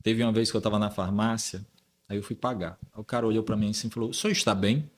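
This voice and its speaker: Animated man telling stories. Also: fairly low pitch, quick pace. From Brazil. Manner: lively storyteller who acts out dialogue. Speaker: podcast host. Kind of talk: casual podcast chat.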